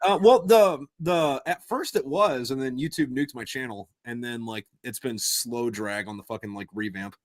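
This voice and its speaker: A man's voice: mid-range voice, moderate pace, hardly any pauses, no echo. A man hosting a casual chat, often repeating words in a stammering run-up to his sentences. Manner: stammering word repetitions. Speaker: podcast host.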